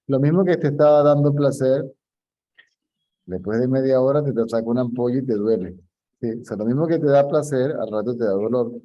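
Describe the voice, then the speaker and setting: A man giving an informal spiritual teaching talk, telling anecdotes and often checking that his listener follows. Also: mid-range voice. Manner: conversational, often checks understanding, laughs at his own stories. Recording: dull lo-fi recording.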